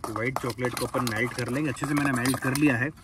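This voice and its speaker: A young man talks through his camp cooking in a relaxed, chatty way, narrating each step. His voice sits in a middle pitch. The phone recording catches plenty of outdoor noise around him. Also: very fast, recorded from a distance. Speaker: vlogger cooking at a campsite. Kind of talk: casual cooking chat with friends. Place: outdoors at a farm campsite.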